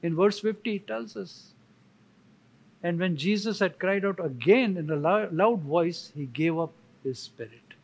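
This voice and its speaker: A man, a church elder, preaching a sermon slowly and emphatically, pausing for effect and repeating key words. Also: sits high, animated, a little mellow, rough recording. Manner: slow, emphatic, with dramatic pauses and repetition.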